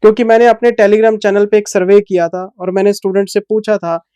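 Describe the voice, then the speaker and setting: Male teacher, slow and patient, fatherly toward students; smooth, dry delivery. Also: sits high, little pitch movement, dark tone, no room sound. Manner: fatherly, calls students "son". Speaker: accounting teacher. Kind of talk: explaining course details to students.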